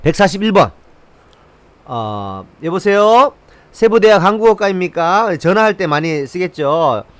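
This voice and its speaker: Lively man teaching phrases. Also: high voice, clear, resonant tone, no room sound. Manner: slow drilled repetition of phrases. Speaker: language teacher. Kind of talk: language lesson, repeating phrases.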